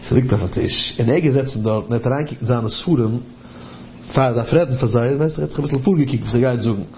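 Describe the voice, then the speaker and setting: Animated male storyteller, muffled recording. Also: medium pitch, fairly quick, slight background noise. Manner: lively, acts out quoted voices.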